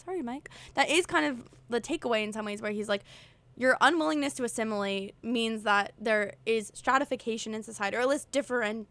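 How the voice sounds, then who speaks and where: A woman's voice: fairly high pitch, fast, a bit bright, no echo. A woman co-hosting a podcast in casual chat, rambling with lots of fillers. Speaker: podcast co-host.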